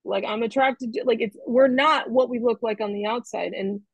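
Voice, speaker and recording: A woman comedian chatting as a guest on a podcast, animated and laughing at her own jokes. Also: fairly high pitch, moderate pace, gravelly, husky, no echo. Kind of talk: casual podcast chat. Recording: dull lo-fi podcast audio.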